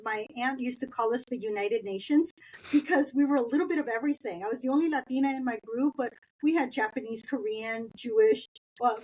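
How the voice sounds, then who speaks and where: A middle-aged woman from East Los Angeles, Southern California, whose first language is Spanish, is an interview guest recalling her school years. Her voice is fairly high, and the recording is rough. She's chatty and anecdotal, laughing as she tells her stories conversationally.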